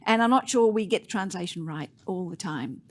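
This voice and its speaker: A woman's voice: mid-range voice, lively intonation, fairly quick. An Australian woman chairing a conference panel on stage, chatty and self-deprecating, often restarting her phrases. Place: conference stage before a live audience.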